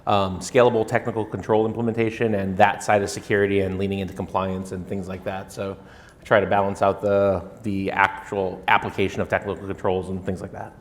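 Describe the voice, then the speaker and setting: A man's voice: low-pitched, little pitch movement, fairly quick. A man in his forties from Hawaii, speaking on a conference panel in a matter-of-fact, technical way.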